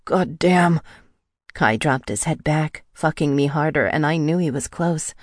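A woman narrating a first-person romance audiobook in an intimate, breathy delivery. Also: sits low, normal speed, no room sound, clean studio sound.

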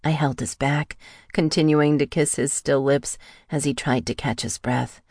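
Low-voiced woman narrating a romance audiobook. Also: fairly even intonation, a little slow, darkish tone, husky, no echo, studio quality.

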